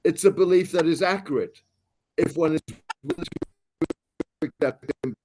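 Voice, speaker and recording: An older man speaks in a measured, analytical way over a video call. His voice comes through choppy and breaking up, with words clipped and dropping out. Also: fairly high pitch, noisy background. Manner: measured, analytical, with some restarts. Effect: choppy video-call audio breaking up. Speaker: guest speaker. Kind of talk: prepared talk on a video call.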